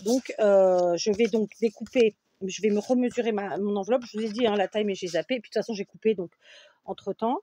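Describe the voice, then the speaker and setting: At a home craft table with a fan going, a woman from France leads a relaxed craft tutorial, frequently asking her viewers "d'accord?" as she chats. She has a runny nose and a dark, mid-range voice, speaks fairly quickly, and a little hiss or hum is audible.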